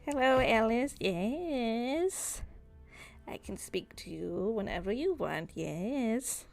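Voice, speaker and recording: A woman voicing a sly creature that lurks under beds, speaking slowly and repeating itself. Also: fairly high pitch, expressive, creaky, darkish tone, faint music behind, heavily acted. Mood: soothing. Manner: slow, drawn-out, keeps repeating "yes".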